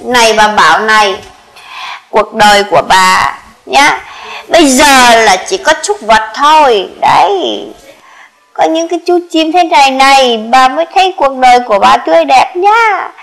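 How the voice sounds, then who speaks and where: A woman's voice: high voice, lively intonation, normal speed, a bit bright, low-quality recording. A woman playing a chatty old grandmother with a jealous husband, in a comic sketch, exclaiming and fussing in a sing-song Northern Vietnamese accent. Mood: grumbling.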